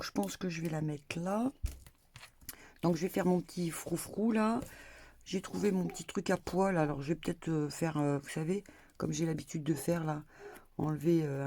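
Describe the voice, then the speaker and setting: With a fairly low, gravelly, dark-toned voice, a grandmother crafting vlogger rambles through a casual home tutorial, full of hesitations and little asides. Faint clicks and background noise sit under the recording.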